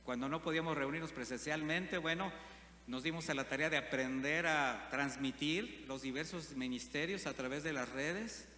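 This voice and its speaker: Pastor preaching in a reverberant hall. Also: male voice, on the high side, normal speed, bright, forceful tone. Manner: asks the congregation frequent rhetorical questions. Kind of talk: sermon. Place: church hall. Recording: reverberant church hall with faint hum.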